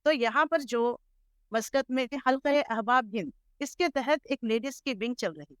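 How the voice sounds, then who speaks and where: Middle-aged woman from Hyderabad, interview guest, earnest measured storyteller, smooth clear voice, dry close sound. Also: a little high, a bit bright, dry recording. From Hyderabad, India. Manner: measured, earnest storytelling with English words mixed in. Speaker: interview guest, Islamic scholar. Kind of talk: reflective life-story interview.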